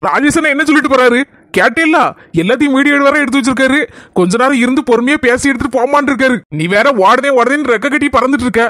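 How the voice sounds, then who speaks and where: A woman's voice: sits high, quick pace, a bit bright. A woman voicing a persistent, playful young man courting a girl in a cartoon comedy, coaxing and chatty in Kanyakumari Tamil.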